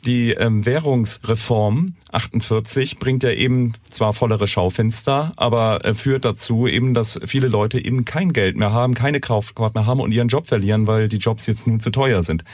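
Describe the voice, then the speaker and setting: A man's voice: medium pitch, moderate pace, few pauses, a little mellow, no echo. Fluent explanatory man, dry sound. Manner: fluent, explanatory, lists points. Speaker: guest historian. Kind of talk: panel discussion.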